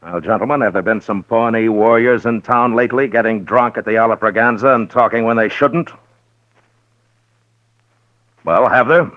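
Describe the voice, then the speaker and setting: An actor playing a firm, skeptical Old West marshal with a dry, probing manner, in old-time radio western style. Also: male voice, lowish voice, fairly quick, lightly acted. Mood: stern questioning. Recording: dull roomy vintage radio recording.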